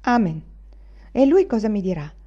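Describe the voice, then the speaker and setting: An anxious, proud young male student who speaks with emphatic urgency, read by a woman. The tone is mellow. It is an audiobook recording with a dull, lo-fi sound. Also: medium pitch, big pitch swings, normal speed. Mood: agitated.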